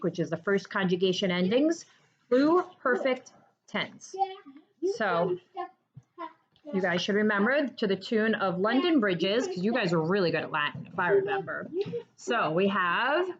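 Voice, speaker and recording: A woman's voice: medium pitch, very animated, moderate pace, lo-fi sound, crowd noise. A woman tutoring children in an online class, cheerful and encouraging, breaking into memory songs. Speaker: homeschool tutor.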